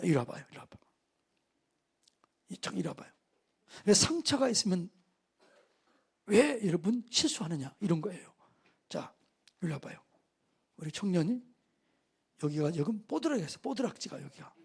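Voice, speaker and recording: Husky high-voiced male preacher. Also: sing-song, moderate pace, pauses often. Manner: call-and-response preaching, asks the congregation questions. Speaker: preacher at a revival meeting. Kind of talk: sermon. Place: church.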